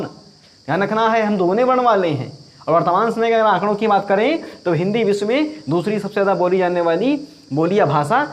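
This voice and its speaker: A male grammar teacher with a high-pitched voice gives an exam-prep lecture. He explains patiently and repeats key points, calling his students bhaiya. Insects chirp faintly in the background.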